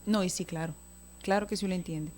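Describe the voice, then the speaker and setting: A woman's voice: fairly low pitch, fairly even intonation, a little fast, a little mellow, a little hiss or hum. A woman speaking as a guest expert, explaining child communication patiently on a talk show and often checking in with a question.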